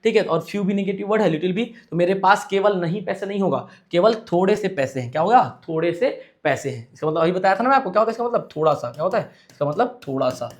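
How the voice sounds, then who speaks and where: A man with a fairly high voice gives an exam-prep English lesson in Hindi. He keeps asking the class questions and answers them himself. When he reads an English sentence aloud, he slows down and says each word carefully. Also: expressive. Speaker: English teacher.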